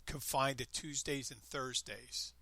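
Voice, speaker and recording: A man's voice: medium pitch, fairly even intonation, measured pace, vocal fry, sharp tone, dry recording. A man in his fifties hosting a podcast, chatting casually and rambling with frequent restarts. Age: 50s. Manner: rambling, upbeat, self-interrupting. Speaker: podcast host. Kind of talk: casual chat.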